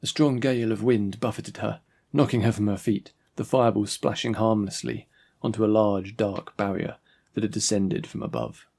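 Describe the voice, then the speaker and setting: A man giving measured, scripted narration of his own audiobook story as its author and narrator. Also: fairly low pitch, fairly even intonation, vocal fry, a little mellow.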